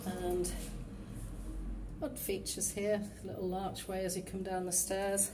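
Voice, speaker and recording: Walking an empty, dilapidated townhouse with her phone camera, a woman estate agent gives a practical running commentary on its features. Her voice is medium in pitch, flat and slow, set against a noisy background, faint ambience and echoing bare walls.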